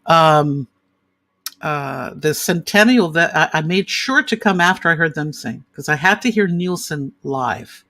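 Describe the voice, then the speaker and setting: Animated older woman telling stories. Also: deep voice, a little slow. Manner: animated, gushing anecdotes with vivid imagery. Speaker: interview guest, opera singer. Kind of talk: casual storytelling chat.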